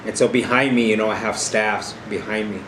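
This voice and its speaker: Low-voiced older man, echoey room. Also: a little fast. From South Dakota, United States. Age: middle-aged or older. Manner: earnest, explanatory, with repeated emphatic phrases. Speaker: powwow arena director. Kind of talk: informal educational talk. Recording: echoey room with clear steady background hum.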